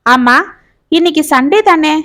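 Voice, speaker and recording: A woman voicing a kind middle-aged man who calmly reassures a friend. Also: high-pitched, measured pace. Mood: concerned. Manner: gentle, calm, reassuring. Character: kind, steady middle-aged male neighbour.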